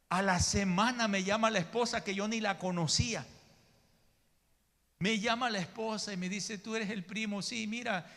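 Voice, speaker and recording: A man's voice: sits high, pushed and bright. Man, pastor, sermon, emphatic storytelling, ringing hall reverb. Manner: emphatic preacher, addresses listeners as brother, acts out quoted people. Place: church sanctuary.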